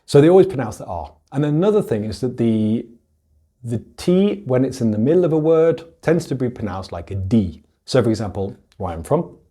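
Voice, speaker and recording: British man, mellow husky teacher voice. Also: brisk. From United Kingdom. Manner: explanatory, lively pitch jumps for emphasis, demonstrates sounds. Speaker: English teacher. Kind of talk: explaining to learners on camera.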